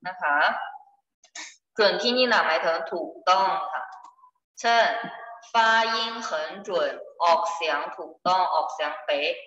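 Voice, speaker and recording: Slow, patient woman teacher in an echoey classroom. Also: on the low side, expressive, a bit bright. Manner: slow, patient explaining with repeated examples. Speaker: Chinese language teacher. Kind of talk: classroom vocabulary lesson. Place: school classroom. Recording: echoey classroom, far off, dull.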